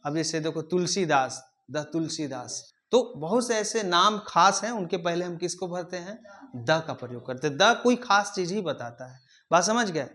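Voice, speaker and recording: A male English teacher leads a classroom grammar lesson in a high, lifted voice. He keeps firing questions at the students and repeats his prompts until they answer. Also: a bit bright.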